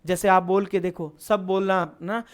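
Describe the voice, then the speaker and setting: Clear-voiced male teacher drilling syllables. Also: sits high, level tone, normal speed. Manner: explains step by step, asking and then answering his own questions. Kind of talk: online lesson.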